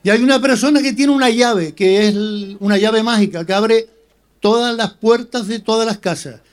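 A man's voice: high-pitched, moderate pace. A man speaking as mayor, giving a ceremonial speech at a public festive event.

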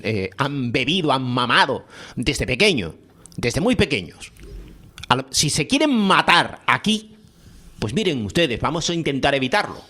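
A man's voice: medium pitch, bright, forceful tone. A man hosting a heated studio discussion, impassioned and emphatic, repeating phrases for effect.

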